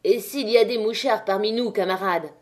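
A woman voicing a male miner who leads a strike, addressing a crowd with rousing, forceful speech in an audiobook reading. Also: mid-range voice, moderate pace, natural voice. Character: male miner, strike leader, fiery orator.

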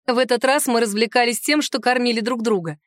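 A woman reading a first-person fantasy novel aloud, expressive and wry, with sarcastic asides. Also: fairly high pitch, fairly quick, dry recording, studio quality. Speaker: audiobook narrator.

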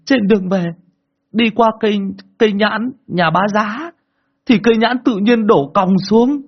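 A frightened young boy stammers and sobs in a high, strained voice, as a man puts him on. The voice is husky, and the recording sounds dull and lo-fi. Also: a little slow. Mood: tearful, terrified. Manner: stammering, tearful. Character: terrified young boy, sobbing after being possessed.

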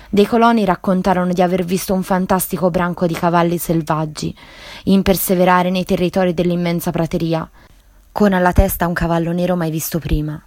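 A woman on a radio literature show reading a story aloud in a measured, dramatic way. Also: on the low side, a little mellow, no echo, studio quality.

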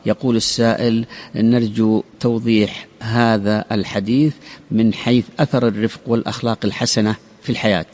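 A man's voice: fairly low pitch, steady tone, a little fast, a little mellow, dull audio. A man hosting a radio program in formal standard Arabic, presenting and reading out listener questions with courteous phrasing.

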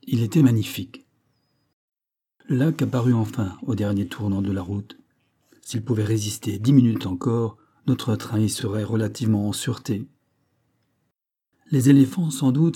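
A man narrating a classic adventure novel as an audiobook, in a steady, measured storytelling manner. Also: on the low side, breathy edge.

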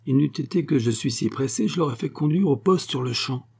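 A man's voice: medium pitch, lively intonation, a little fast, vocal fry, a little mellow, husky, pitched above the performer's own voice. A man voicing an impatient, stern English baronet who gives curt orders.

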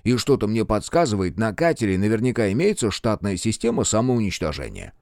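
A man's voice: lowish voice, wildly swooping pitch, a little fast, a little mellow, dry recording, studio quality. A man voicing a cynical male pilot who speaks in a sardonic, matter-of-fact way. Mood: explaining.

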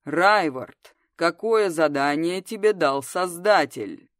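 Woman voicing a stern reaper in a deep rumbling voice. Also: animated, takes it slowly, dry recording, clean studio sound. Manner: stern, commanding questioning. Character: male reaper interrogating in a low, rumbling voice. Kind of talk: audiobook narration.

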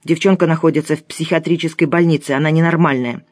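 A woman's voice: low-pitched, fairly even intonation, fast, a little mellow, dry recording, clean studio sound, lightly acted. A woman reading an audiobook, voicing a brusque, dismissive middle-aged woman official.

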